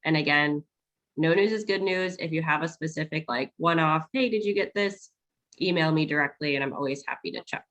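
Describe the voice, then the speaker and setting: Hosting a virtual town hall over video call, this onboarding staffer speaks in a deep, slightly bright voice at a fairly quick pace. She walks through onboarding steps warmly and casually, filling her explanations with ums.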